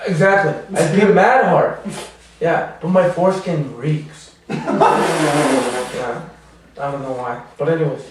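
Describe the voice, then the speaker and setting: A man's voice: a little high, slow, long pauses, heavy background noise. A man from El Salvador, a comedian guest telling rambling stories in slangy casual chat, often laughing. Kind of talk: casual podcast chat, storytelling. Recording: echoey room, distant mic.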